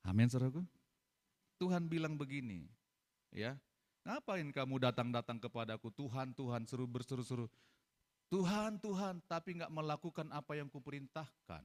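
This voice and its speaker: A man preaching a sermon as pastor, repeating refrains and rising suddenly to loud, fervent cries. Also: medium pitch, normal speed.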